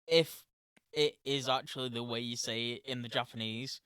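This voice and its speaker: A man's voice: mid-range voice, steady tone, normal speed, fairly bright tone, clear, resonant tone. A young man co-hosting a podcast while lying on a bed close to the mic, giving brief agreeing replies with some hesitation. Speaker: podcast co-host. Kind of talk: casual podcast chat. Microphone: very close to the microphone.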